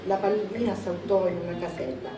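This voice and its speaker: A woman giving an expressive, measured literary reading at a public tribute event. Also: fairly low pitch. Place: event hall. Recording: echoey hall, distant mic, music.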